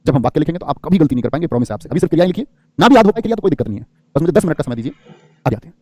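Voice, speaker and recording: A man's voice: on the high side, animated, racing, mellow, no room sound. A man teaching grammar in a classroom lecture, firing rhetorical questions and playing the students' answers himself, often calling his listeners friend.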